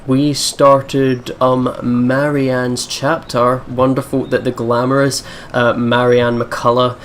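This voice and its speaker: This man's voice sits in the mid range, level in tone and slow in delivery, with a little background noise. He's a let's play host recording on a desk mic at his home computer setup, rambling casually through gameplay with slang, swearing, and the occasional bit of text read out loud.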